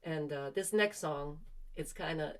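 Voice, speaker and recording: A woman folk singer chatting earnestly between songs, halting and laughing, then singing a protest song over guitar on a concert stage. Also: low voice. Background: acoustic guitar.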